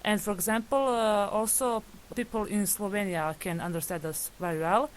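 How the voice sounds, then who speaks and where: A woman's voice: mid-range voice, fairly even intonation, moderate pace, slight background noise, poor audio. A woman in her twenties from Serbia with a Serbian accent, a native Serbian speaker, answering interview questions in English outdoors with many examples. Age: 20s. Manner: eager, explaining with many examples and fillers.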